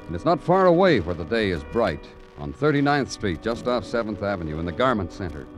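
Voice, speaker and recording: His voice lowish, very animated, and brisk, an actor narrates a case as a jaded, poetic city cop. It is brooding, flowery radio noir from the 1940s-50s, heard in an old radio recording with music.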